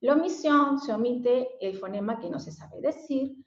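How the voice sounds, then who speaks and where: With an expressive, slightly high voice at a normal pace, a woman from Mexico teaches an explanatory special education lesson. She often tacks on fillers and tag questions, and the audio is echoey and lo-fi.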